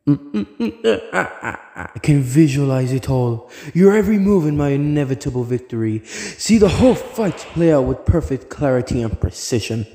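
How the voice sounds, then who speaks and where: Frieza, haughty alien tyrant, echoing. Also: male voice, mid-range voice, lively intonation, unhurried, mellow. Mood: gloating. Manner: haughty, formal, menacing diction. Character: arrogant, vengeful male alien tyrant, cold and gloating. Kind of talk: anime fan dub acting.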